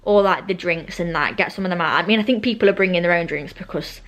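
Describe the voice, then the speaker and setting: A woman's voice: lowish voice, fast talker. Chatty young British woman with braces. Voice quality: slightly slushy speech from braces with elastic bands. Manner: rambling, self-interrupting, informal. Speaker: vlogger. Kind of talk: casual chatty vlog.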